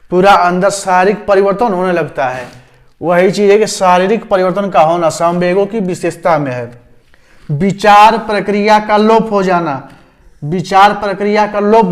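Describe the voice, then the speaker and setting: A man from India teaches an exam-prep class in a fairly high voice. He repeats each term several times as he explains. He keeps checking that his students understand. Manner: repetitive explaining, frequent "समझ गए?" checks.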